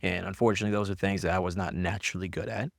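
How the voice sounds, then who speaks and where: A man's voice: deep voice, very fast, vocal fry, dry recording, clean studio sound. A young man with a slight lisp, a guest telling stories in a casual interview and acting out other people's lines in a raised voice. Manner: animated storyteller, acts out others in a raised voice. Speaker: podcast guest, entrepreneur.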